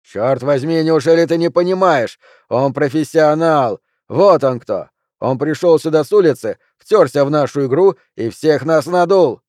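Man voicing a hot-tempered poker loser, raised pitch, shouting, coarse, dry close sound. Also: moderate pace, dry recording, close to an everyday voice. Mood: furious. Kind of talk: audiobook character reading.

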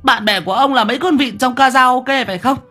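A man voicing an angry older wife who scolds her husband in a shrill voice, in a comic audio story. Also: a little fast, sharp tone, faint music behind, heavily acted. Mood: furious. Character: furious scolding old wife.

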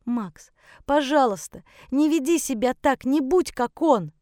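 A woman's voice: sits high, expressive, unhurried, darkish tone, no room sound, studio quality, pitched above the performer's own voice. A woman voicing a desperate mother pleading with her teenage son, in an audiobook. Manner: pleading, frantic, tearful.

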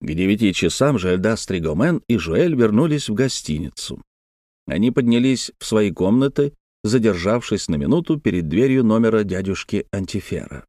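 Low-voiced man reading an audiobook. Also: big pitch swings, moderate pace, darkish tone, dry recording, clean studio sound. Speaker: audiobook reader. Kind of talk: scripted narration.

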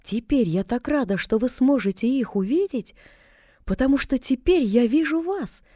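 A cheerful, chatty young girl, put on by a woman reading a storybook, gushing with bright excitement. Her voice is pitched high over a mellow, warm timbre. The sound is dry and close. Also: moderate pace, no room sound. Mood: eager. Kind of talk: audiobook character reading.

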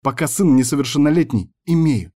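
A man voicing a hostile, sharp-tongued young woman in an audiobook, snapping back with angry retorts. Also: a little high, lively intonation, brisk, breathy edge, pitched above the performer's own voice. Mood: furious. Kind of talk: audiobook character voice.

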